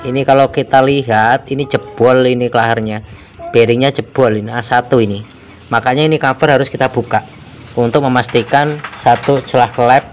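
A man talks through an engine check in a workshop, as a relaxed mechanic showing his viewers what to do. His pitch sits in an ordinary middle range. A faint hum of background noise runs under the voice. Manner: casual, explanatory, mixes in Javanese words. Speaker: motorcycle mechanic. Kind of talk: hands-on workshop tutorial. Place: motorcycle workshop.

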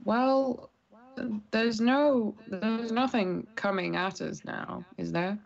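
A woman's voice: medium pitch, fairly even intonation, takes it slowly, vocal fry. A woman playing a tabletop game, chatty and hesitant with frequent giggles. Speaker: player. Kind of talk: casual tabletop role-play. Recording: dull lo-fi stream audio.

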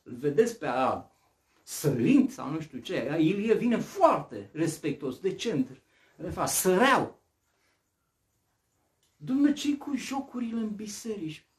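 Animated preacher, high lively voice. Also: male voice, pauses often. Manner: animated, rhetorical questions, swings from loud to hushed. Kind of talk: sermon.

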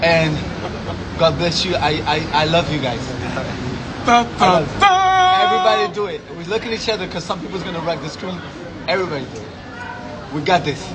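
A young man chatting casually in loose to camera and friends, animated and repeating short phrases. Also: a little high, brisk, pauses often. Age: young adult. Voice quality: non-native English with loose grammar. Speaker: vlogger, host. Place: outdoor café terrace on a city street. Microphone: phone at arm's length. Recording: noisy busy street, outdoor café chatter.

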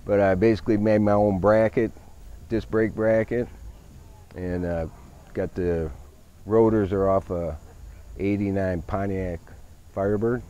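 A man in his fifties, talking casually outdoors at a show field, relaxed and full of fillers. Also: fairly low pitch, unhurried, pauses often, clear, resonant tone, lo-fi sound. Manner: easygoing, many fillers, technical car talk. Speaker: van owner. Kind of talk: casual interview.

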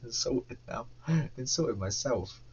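A man hosting a reaction video, excitable and disbelieving, breaking into laughter and outbursts. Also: medium pitch, slow pace, dull audio, crowd noise. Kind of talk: casual reaction commentary.

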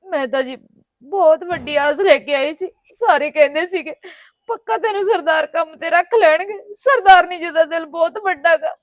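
A woman's voice: extremely high pitch, moderate pace, no echo, highs cut off. An actress playing a poor young village woman who pleads for housework, speaking in a plaintive voice. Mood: pleading.

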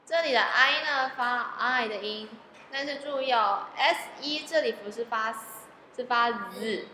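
A woman teaching phonics in a slow, patient way, repeating each word. Her voice is bright and a little high. The recording has a long, echoey reverb with faint ambience behind it. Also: a little hiss or hum. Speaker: English teacher. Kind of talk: phonics lesson, spelling out words.

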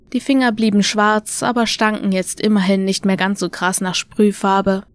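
A woman narrating a horror audiobook in a calm, even storytelling manner. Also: mid-range voice.

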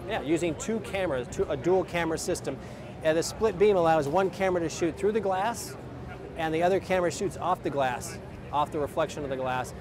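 A man in his forties, a company president and filmmaker, explains camera gear casually at an outdoor expo booth under an umbrella, speaking into a lapel mic with lots of fillers. His voice is a little high, and crowd chatter and outdoor noise fill the background.

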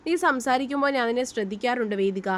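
A woman's voice: a little high, quick pace, natural voice. A woman voicing an earnest young man in love, speaking in a heartfelt, pleading way.

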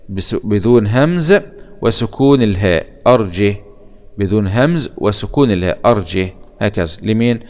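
A man with an Egyptian accent teaches a lesson on Quranic readings, his voice low and smooth. He explains in relaxed colloquial speech, then slows down to chant the verse quotations and drag out the sounds.

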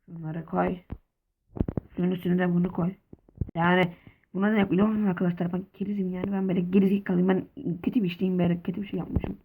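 A woman commenting on her block-building game role-play, excitable, with playful swearing and constant calls to her viewers. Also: lowish voice, quick pace, phone-quality sound, slight background noise. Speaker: gaming video creator.

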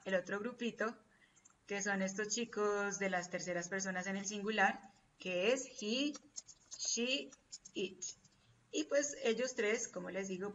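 A woman's voice: mid-range voice, fairly bright tone, slight background noise. A woman teaching an English class, explaining patiently, repeating her examples and checking often that her students follow. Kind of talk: classroom lecture. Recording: distant, dull lo-fi audio.

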